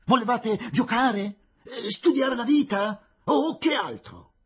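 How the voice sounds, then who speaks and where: A man reading the lines of a brusque, impatient Englishman in a husky, lively voice. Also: very high voice, slow, voice pushed up, exaggerated voice. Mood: exasperated.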